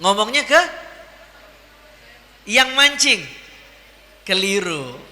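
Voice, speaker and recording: A male preacher with a high voice and very bright, sharp tone, speaking in a large hall that rings with long reverb. He teases and jokes with the crowd, asking questions and waiting for answers. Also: very animated, extremely slow. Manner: jokey and teasing, quizzing the crowd. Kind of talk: lively Ramadan sermon to an audience.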